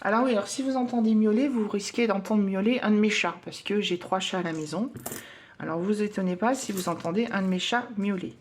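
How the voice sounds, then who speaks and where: A woman's voice: medium pitch, brisk, darkish tone, slight background noise. A woman vlogger at home, chatting casually and hesitantly with many fillers while counting coins for her budget challenges.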